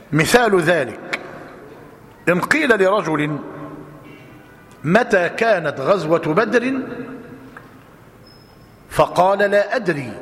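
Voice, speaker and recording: A high-pitched man with an Egyptian accent delivers a jurisprudence lesson. He repeats every definition for his students to write down and tosses questions back at them. His voice rings with a long reverb from a large hall. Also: fairly bright tone, slight background noise. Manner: repeats each point slowly for dictation, quizzes listeners. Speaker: Islamic jurisprudence teacher. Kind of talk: classroom lecture.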